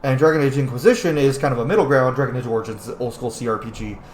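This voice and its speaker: This man's mid-range voice moves very fast in an echoey room, with a little hiss or hum on the track. He hosts a gaming channel, rambling through casual let's-play commentary in a blunt, emphatic, opinionated way and swearing often.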